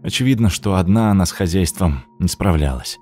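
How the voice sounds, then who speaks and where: A man narrating an audiobook in a steady, measured reading voice. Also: low-pitched, soft background music.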